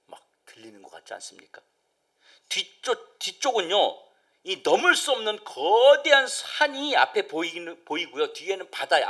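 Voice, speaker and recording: A man's voice: high-pitched, fairly bright tone. A male pastor preaching a midweek sermon, acting out voices of the crowd and dropping at times to a near-whisper. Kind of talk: Wednesday service sermon.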